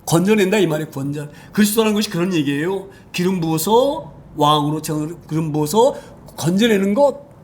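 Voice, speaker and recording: Emphatic male pastor, high-pitched voice, sermon delivery with rhetorical questions and dramatic swings in volume. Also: animated, a little fast, slight background noise. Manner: emphatic, rhetorical questions, frequent hallelujahs, wide swings in loudness.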